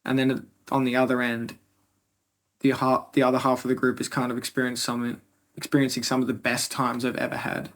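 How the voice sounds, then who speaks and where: A man's voice: mid-range voice, monotone, brisk. An Australian man speaking as a filmmaker in a behind-the-scenes interview.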